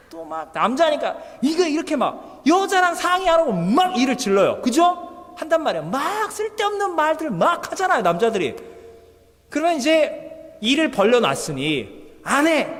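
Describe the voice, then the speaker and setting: A man preaching a lively sermon as pastor in a church, acting out quotes and swinging between loud and soft delivery. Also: very high voice, moderate pace. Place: church hall. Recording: long church hall reverb.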